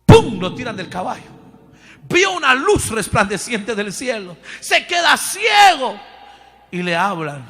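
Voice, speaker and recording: A man preaching a fervent sermon with a Mexican Spanish accent, often shouting and calling on the congregation to repeat after him. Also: very high-pitched, sing-song, unhurried, husky, big-room sound.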